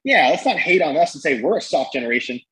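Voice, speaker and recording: Young guy on a podcast, husky, super high energy, lots of likes and bro. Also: quick pace, low-quality recording. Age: young adult. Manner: energetic, rambling with many fillers and slang. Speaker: guest entrepreneur. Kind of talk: podcast conversation.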